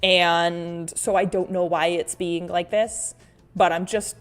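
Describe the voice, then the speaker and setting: A woman's voice: on the low side, steady tone, takes it slowly, faint music behind. A woman hosting a casual livestream, chatting playfully with viewers in an exclamatory, rambling way, often interrupting herself as she reads and reacts to comments. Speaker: livestream host and artist.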